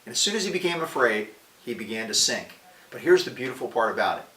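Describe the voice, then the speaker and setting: Male podcast host, bright forceful tone, energetic and conversational preaching, roomy sound off-mic. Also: mid-range voice, quick pace, distant mic. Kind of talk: casual devotional talk.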